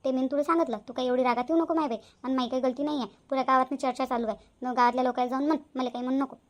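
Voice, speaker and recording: A woman's voice: high-pitched, fairly even intonation, racing, close to an everyday voice. A woman voicing a gossipy, quarrelsome middle-aged village woman in a cartoon, speaking. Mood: gossiping. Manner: defiant, quarrelsome.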